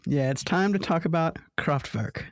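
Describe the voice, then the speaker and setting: A man co-hosts a music podcast in relaxed, playful chat. His voice sits a little high and comes across dry and close, with no room sound. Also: normal speed, dry recording. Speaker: podcast co-host. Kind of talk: casual chat.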